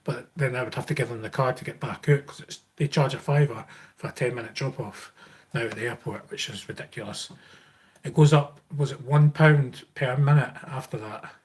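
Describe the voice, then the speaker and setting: A man's voice: medium pitch, fairly quick. A man with a Scottish accent chatting casually and informally as a livestream host, rambling as he answers viewers. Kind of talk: casual live Q&A chat, reading and answering viewer comments.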